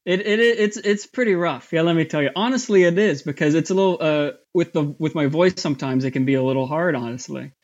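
Guesting in a relaxed interview, a voice actor discusses his work in a halting manner, full of fillers and restarts. His voice is somewhat high, and the recording has its highs cut off.

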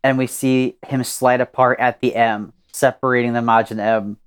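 A young man co-hosting a podcast, brainstorming a story in a rambling, excited way with plenty of swearing. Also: mid-range voice, normal speed, clean tone. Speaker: podcast co-host.

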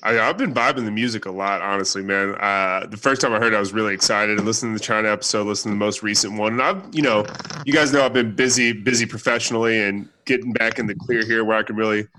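A man's voice: fairly low pitch, steady tone, quick pace, bright, forceful tone. A man co-hosting a casual basketball podcast in an easygoing way, laughing often. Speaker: podcast co-host. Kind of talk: casual sports chat.

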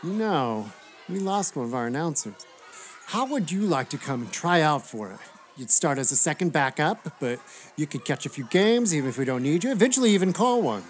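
An actor playing a friendly, easygoing dad in a scripted comedy, chatting casually and approvingly. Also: male voice, a little high, sing-song, a little fast. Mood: encouraging. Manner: casual, complimentary. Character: friendly dad and stadium announcing coordinator, easygoing. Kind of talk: scripted screen comedy acting. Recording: light crowd and background noise.

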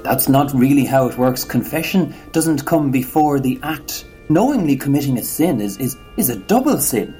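A man's voice: medium pitch, animated, moderate pace, few pauses, mellow, faint music behind, lightly acted. A man voicing a prim, sardonic parish priest in a comedy sketch, patient and mildly scolding. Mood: dry, scolding.

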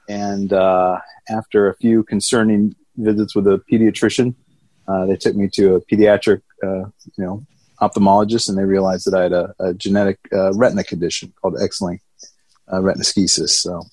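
A middle-aged man with an American accent gives a casual interview in a lowish voice with a slightly rough edge. He rambles informally and uses folksy turns of phrase, recorded close and dry. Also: darkish tone, no echo. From Atlanta, Georgia, United States. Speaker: interview guest.

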